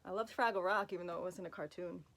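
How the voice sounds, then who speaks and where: A fast, fairly low voice with fairly even intonation and a bit of brightness belongs to this Brooklyn woman, accent and all. She answers fans' questions from bed into her phone, chatting casually, rambling, running herself down and tossing in fillers and tangents.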